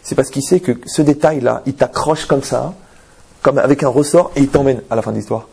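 Gravelly, husky-voiced man teaching a religious talk. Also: mid-range voice, brisk. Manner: lively storyteller, rhetorical questions, frequent "d'accord?". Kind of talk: anecdotal religious talk to an audience.

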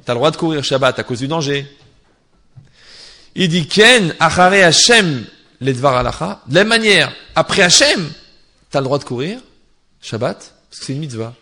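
Man, Torah teacher, gravelly voice, husky tone, teasing, loud bursts on recited verses. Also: mid-range voice. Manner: joking, teasing tone with listeners. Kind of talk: Torah class to a live audience.

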